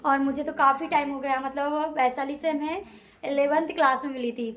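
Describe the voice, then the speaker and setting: A woman's voice: high voice, steady tone, normal speed, fairly bright tone. A young woman, chatting casually to her viewers in a vlog. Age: young adult. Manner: talks to viewers directly, chatty and emotional. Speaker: vlogger. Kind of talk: casual chat to camera.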